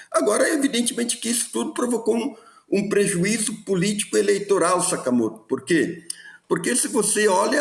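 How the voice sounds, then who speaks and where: A man's voice: high-pitched, vocal fry. A man with a Brazilian Portuguese accent, a professor giving emphatic political analysis on a live news panel over a remote call, often restarting phrases. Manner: animated, many restarts, emphatic. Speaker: political science professor, commentator. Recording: roomy echo.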